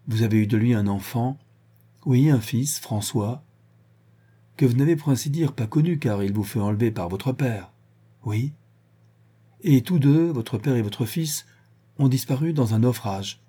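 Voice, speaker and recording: A man's voice: medium pitch, mellow, breathy edge. A man reading the part of a solemn, devout Breton peasant woman in an audiobook. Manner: solemn, fervent.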